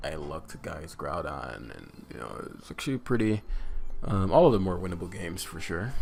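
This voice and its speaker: Deep gravelly man commenting on gameplay. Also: darkish tone. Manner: thinking aloud, muttering, many fillers. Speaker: competitive game player and commentator. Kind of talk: casual live gameplay commentary.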